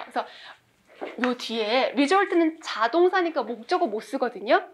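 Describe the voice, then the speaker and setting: A woman in her forties teaching English vocabulary in class, quizzing students and making small jokes. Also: sits high. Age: 40s. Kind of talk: classroom lecture.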